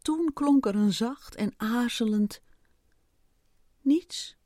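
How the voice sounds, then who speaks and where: A woman reading a storybook aloud, expressive and unhurried. Her voice sits a little high and moves a lot. The recording is close and dry. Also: no room sound. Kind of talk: storybook narration.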